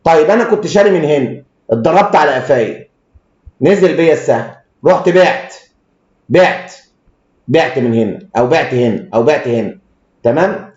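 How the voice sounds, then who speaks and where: Speaking fairly quickly in a slightly high, animated, somewhat mellow voice, this Egyptian Arabic-accented man delivers crude, blunt technical market talk at a rapid clip, tripping over frequent restarts. It was captured in an echoey room with dull, lo-fi audio.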